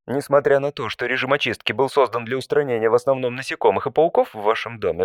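A man voicing an automated customer support phone menu in a comic audio story, politely deadpan with measured scripted prompts. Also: mid-range voice, no room sound, clean studio sound, close to an everyday voice.

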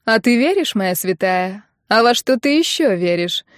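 A woman's voice: medium pitch, sing-song, normal speed, no room sound, clean studio sound, close to an everyday voice. A woman voicing a cold, domineering wealthy mother who talks down in a mocking, commanding way, in an audiobook.

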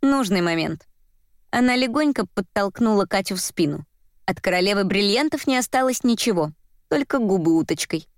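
A woman's voice: medium pitch, expressive, normal speed, no echo. Woman narrating an audiobook, dry sound. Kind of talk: scripted narration.

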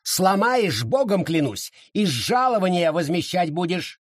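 A man doing a pompous old colonial judge, high-pitched, whiny, imperious, husky edge, swinging wildly in pitch, in an audiobook. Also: animated, a little slow, dry recording, clean studio sound. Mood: shrill.

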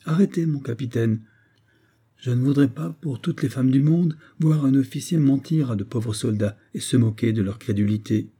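A man's voice: medium pitch, normal speed, warm tone, husky, pitched above the performer's own voice. A man voicing a sarcastic, insolent Swedish grenadier who mocks an officer with cool irony. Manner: mocking, coolly ironic.

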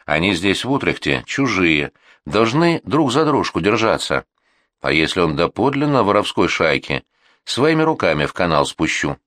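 A male audiobook reader playing a stern, reserved male official who speaks curtly and quietly. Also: low-pitched, very animated, moderate pace, no echo, studio quality.

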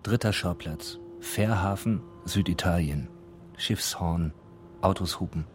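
Male announcer, very deep voice, slow neutral reading of the scene directions. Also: slight background noise.

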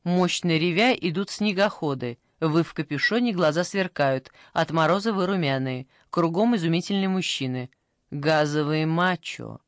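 A woman voicing a brisk, strict young female phone operator in an audiobook, pushy and salesy, recorded dry and close. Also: deep voice, no echo, close to an everyday voice. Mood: pushy selling. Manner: pushy, salesy, rattling off offers. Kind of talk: audiobook character voice.

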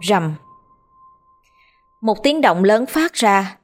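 A woman narrates a scripted horror story at a mid pitch. Her delivery stays steady and measured throughout. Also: faint music behind.

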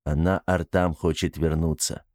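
A man's voice: very deep voice, flat delivery, normal speed, a little mellow, no room sound, clean studio sound, pitched below the performer's own voice. A man voicing a gloomy, deferential old tribesman in an audiobook, hesitant, subdued and mournful. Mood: gloomy, embarrassed. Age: older.

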